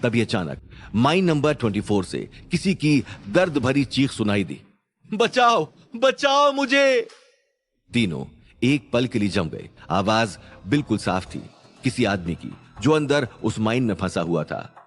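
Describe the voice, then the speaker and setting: A man's voice: fairly low pitch, very animated, moderate pace, soft background music. A man narrating a suspense story in a scripted, dramatic storytelling manner.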